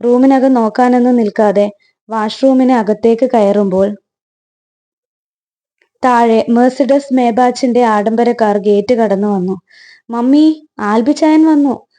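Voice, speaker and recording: A woman storyteller reading a romance story in steady, measured narration. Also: on the high side.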